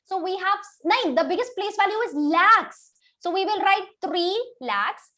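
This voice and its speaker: With an extremely high pitch that's expressive, pushed and bright, an Indian-accented woman teaches kids maths online, urging them on briskly and mixing in Hindi interjections.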